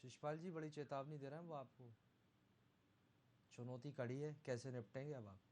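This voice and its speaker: A man's voice: medium pitch, steady tone, moderate pace, a little mellow, slight background noise. A man anchoring a TV debate, pressing his guests with pointed questions. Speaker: news anchor. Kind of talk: TV debate moderation.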